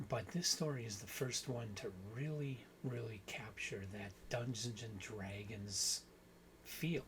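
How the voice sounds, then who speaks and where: A man's voice: medium pitch, measured pace. A man with a mid-range voice hosts a casual book discussion. He thinks aloud, rambles and corrects himself as he goes, over a faint background hiss. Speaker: book channel host.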